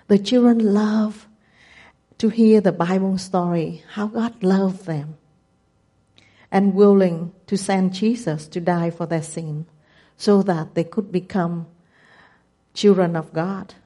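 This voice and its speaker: A woman in her sixties, a missionary with a Vietnamese accent, delivers a testimony presentation in careful, measured non-native phrasing. Her voice is lowish with a dark tone.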